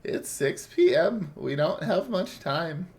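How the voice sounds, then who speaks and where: A man's voice: fairly high pitch, expressive, takes it slowly, slight background noise. A man streaming a game playthrough, chatting playfully and teasing his co-host. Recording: faint music behind.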